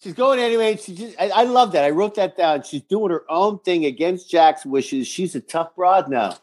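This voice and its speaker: Emphatic, higher-pitched man chatting. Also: animated, normal speed, darkish tone. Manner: emphatic, effusive, repeats phrases. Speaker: podcast co-host. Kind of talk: casual chat, TV recap.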